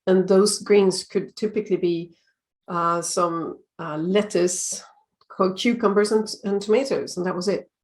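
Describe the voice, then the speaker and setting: A woman from Sweden with a noticeable Swedish accent gives everyday lifestyle advice to the camera. Her delivery is calm and measured, and she slows down to stress the important points. She sounds middle-aged and is recorded close to the mic. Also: fairly low pitch. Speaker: time-management coach. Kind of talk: video tip talk.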